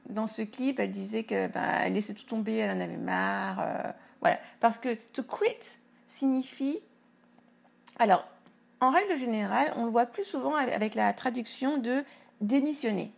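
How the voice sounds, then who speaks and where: A woman hosting a podcast English lesson, explaining words slowly and carefully and spelling them out letter by letter. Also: fairly high pitch, creaky. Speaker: English teacher and podcast host.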